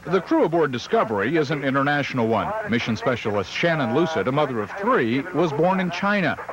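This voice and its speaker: A man's voice: medium pitch, big pitch swings, a little fast, a crowd in the background. A man reading scripted television news narration as a correspondent. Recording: dull lo-fi archival TV audio.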